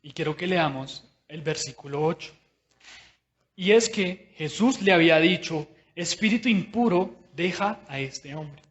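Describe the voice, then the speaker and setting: A man's voice: sits high, fairly bright tone, dull audio. A man preaching a sermon in a conversational, personal way, speaking straight to his listeners.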